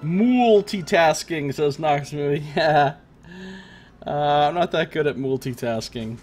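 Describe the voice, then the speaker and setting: A man's voice: on the high side, unhurried, soft background music. A man streaming a video game with casual live commentary and wry asides.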